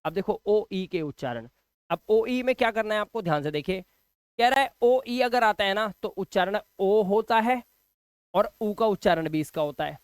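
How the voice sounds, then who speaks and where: A man's voice: sits high, lively intonation, clear, resonant tone, dry recording, clean studio sound. Man teaching English pronunciation. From India. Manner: asks questions and answers them himself; repeats each example word slowly. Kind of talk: classroom-style pronunciation lesson.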